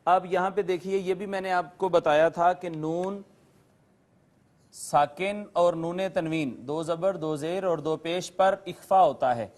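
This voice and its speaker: High-voiced man teaching a lesson. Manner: patient, methodical, repeats key terms with definitions; addresses viewers politely. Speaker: Quran teacher. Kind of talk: lecture explaining Arabic letters and recitation rules.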